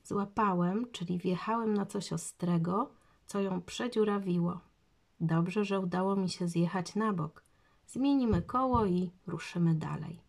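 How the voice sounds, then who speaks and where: A woman voicing a calm, reassuring father in a children's storybook reading. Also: fairly low pitch, measured pace, creaky. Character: pale but calm father.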